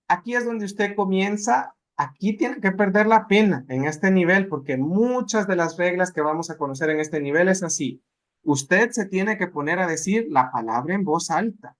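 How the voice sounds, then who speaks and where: A patient male teacher with a Salvadoran accent leads a class. His voice sits high for a man, and he talks at an unhurried pace. He says each practice word aloud several times over. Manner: slow, patient, repeats words aloud for drilling. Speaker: language teacher. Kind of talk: live class instruction.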